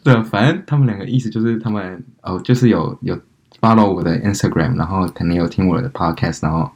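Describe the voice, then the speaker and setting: A young man co-hosting a podcast, telling stories in a casual, animated way and acting out what people said. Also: low voice, fast. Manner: animated storytelling, acts out quotes. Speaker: podcast co-host. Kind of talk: casual chat.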